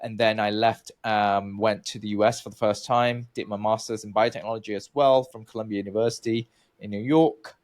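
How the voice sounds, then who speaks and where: A man from Malaysia with a lowish voice talks through his career as an interview guest. He is chatty and loose, full of fillers and restarts. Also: steady tone, a little fast. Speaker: guest researcher. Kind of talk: interview storytelling.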